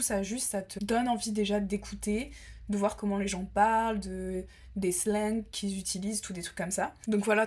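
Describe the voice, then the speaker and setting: A woman's voice: medium pitch, a little mellow. A young woman from France talking casually to the camera, chatty and full of fillers and restarts. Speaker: vlogger.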